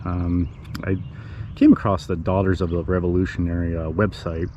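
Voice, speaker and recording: A man talking quietly, as if not to wake anyone, giving a casual narrated history tour outdoors. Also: sits low, little pitch movement, normal speed. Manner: hushed, speaking quietly so as not to wake the neighbours. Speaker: vlog host narrating cemetery history. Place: outdoors in a small neighbourhood cemetery. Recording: slightly muffled, outdoor background noise.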